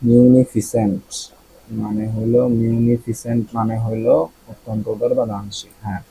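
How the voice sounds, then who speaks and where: A man's voice: mid-range voice, little pitch movement, unhurried, creaky, warm tone, a little hiss or hum, poor audio. A man from Bangladesh teaching vocabulary in a casual lesson, thinking aloud, checking pronunciations and joking with the viewers.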